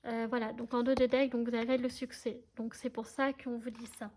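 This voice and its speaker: A woman's voice: fairly high pitch, little pitch movement, fairly quick, a little mellow, slight background noise. A woman giving a casual tarot reading to her viewers, chatty and hesitant, often checking that they follow her. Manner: chatty, hesitant, many fillers, addresses viewers directly. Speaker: tarot card reader.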